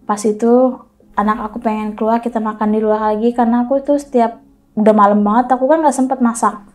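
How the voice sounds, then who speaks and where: A woman telling a personal story in casual chat, animated and acting out the voices of the people in it. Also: fairly high pitch, brisk. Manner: animated, acts out dialogue in quotes.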